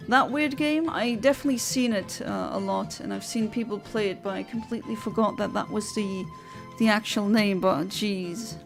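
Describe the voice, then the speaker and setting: A woman's voice: medium pitch, normal speed, few pauses, faint music behind. A young woman from Luxembourg, chatting on a livestream headset mic, reading out viewer comments and giggling between rambling asides.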